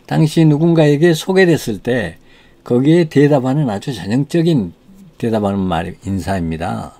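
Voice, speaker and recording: A man with a Korean accent teaching English, explaining in Korean and reading English sentences slowly with stress. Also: mid-range voice, warm tone. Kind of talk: language lesson explaining English pronunciation.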